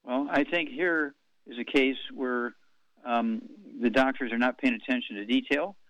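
A man in his eighties hosting a radio talk show, rambling slowly through figures with many fillers. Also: medium pitch, fairly bright tone, no room sound. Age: 80s. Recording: dull lo-fi radio sound.

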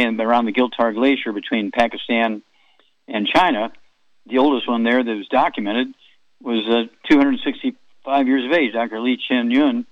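A man's voice: mid-range voice, no echo, muffled recording. A man in his eighties hosting a radio health talk, rambling and folksy with chatty asides. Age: 80s.

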